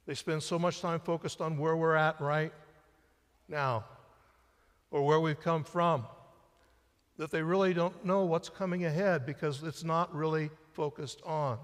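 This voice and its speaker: A middle-aged senior pastor preaches conversationally in a sanctuary, his somewhat high voice rising and then dropping to a near hush on the words he wants to land. Live-streamed through the church sound system mic, it trails off in the hall's long reverb.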